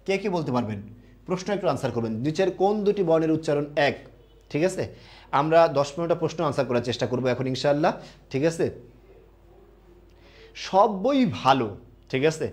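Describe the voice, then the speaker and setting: A man's voice: fairly high pitch, animated, a little fast, pauses often, darkish tone. Young man teaching a live class. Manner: explains step by step, often checks with students. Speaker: admission coaching teacher.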